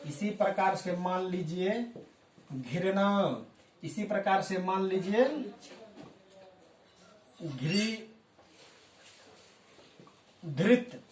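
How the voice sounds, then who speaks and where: A male teacher giving a spoken language lesson, patiently explaining and slowly repeating example words. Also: sits high. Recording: echoey room, voice from a distance.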